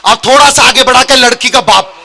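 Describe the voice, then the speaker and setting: Very high, sharp-voiced male comic. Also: brisk, creaky. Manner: animated, shouts punchlines. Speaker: comic poet. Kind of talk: live humorous storytelling on stage. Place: stage at a poetry gathering.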